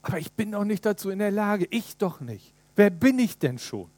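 A man's voice: high voice, very animated, moderate pace, a little mellow, dry recording, voice pushed up. A preacher reading as a pleading, despairing young man. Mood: doubtful.

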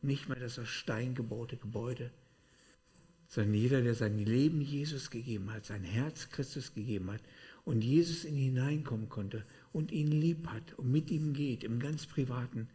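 Animated preacher man. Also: mid-range voice, normal speed. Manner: animated, shifting between loud outbursts and hushed asides. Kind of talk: sermon.

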